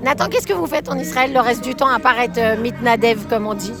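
Woman, reporter, fast talker, high voice, faint music in background. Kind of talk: field interview questions.

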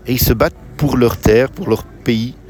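A middle-aged man from Belgium, a volunteer answering a street interview at an evening barbecue, speaking haltingly with many restarts. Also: medium pitch, darkish tone, slight background noise.

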